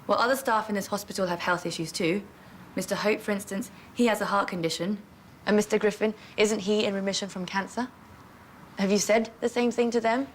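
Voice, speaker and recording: A determined junior doctor in a hospital drama, played by an actress, with a mid-pitched voice. She is earnest and insistent, pleading her case. Faint noise sits behind her. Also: fairly even intonation, a little fast, natural voice. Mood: insistent, challenging. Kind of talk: scripted TV drama dialogue.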